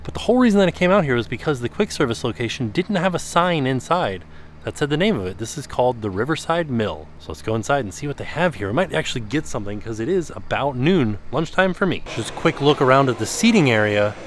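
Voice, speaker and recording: Very animated and quick-paced, this mid-range male voice comes with a little hiss or hum. He's a vlogger walking through a resort with a handheld camera, casually and curiously narrating his thoughts across a restaurant hall indoors and the grounds outside.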